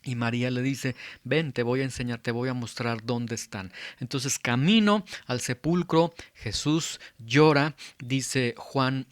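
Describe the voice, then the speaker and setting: A man preaching an expository Bible sermon as pastor, teaching earnestly and emphatically with frequent pauses. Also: mid-range voice, no echo, clean studio sound.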